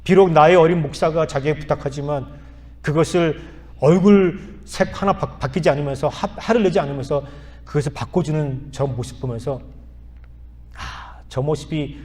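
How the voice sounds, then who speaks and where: A man in his fifties, a pastor, preaching a sermon, telling a story with soft asides and then earnest appeals. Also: on the high side. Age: 50s. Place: church sanctuary. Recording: long church reverb.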